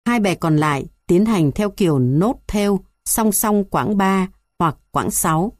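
A woman reading a music theory textbook aloud in an even, measured way, going through numbered points. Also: mid-range voice, no echo, clean studio sound. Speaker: textbook reader.

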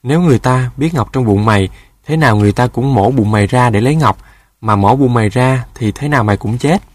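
A man's voice: medium pitch, quick pace, no echo, clean studio sound, lightly acted. A man voicing a sly male dog in a storybook tale who scolds and lectures in a mocking way.

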